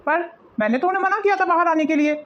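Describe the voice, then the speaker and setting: A woman's voice: very high-pitched, fast, muffled recording, noisy background. A woman acting an arrogant son who scolds his village family in a dismissive tone. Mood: scolding.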